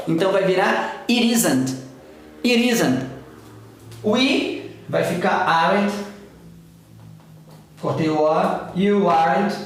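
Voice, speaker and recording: A man's voice: high-pitched, a little hiss or hum. A Brazilian man teaching English grammar in a chatty way, often checking in with his students as he writes on a board. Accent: Brazilian Portuguese. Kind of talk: explaining grammar at a whiteboard. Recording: echoey room.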